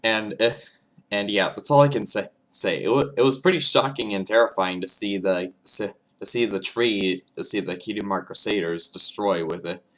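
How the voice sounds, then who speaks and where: Halting, lowish-voiced man reacting casually. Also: a bit bright. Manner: halting, repeats and restarts phrases heavily. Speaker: reaction video host.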